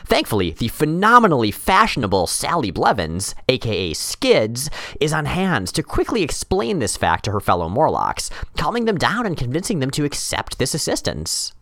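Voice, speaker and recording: A man's voice: medium pitch, wildly swooping pitch, normal speed, creaky, sharp tone, dry recording, clean studio sound. A man co-hosting a show, narrating a scripted comic book recap in a playful, wordy, theatrical way. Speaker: podcast co-host.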